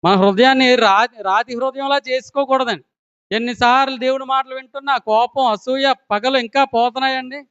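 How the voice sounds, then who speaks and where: A man's voice: extremely high pitch, steady tone, moderate pace, fairly bright tone, clear, resonant tone, dry recording, muffled recording. A man with a Telugu accent preaching a sermon, who keeps asking the congregation questions and adds a polite "andi" to his lines.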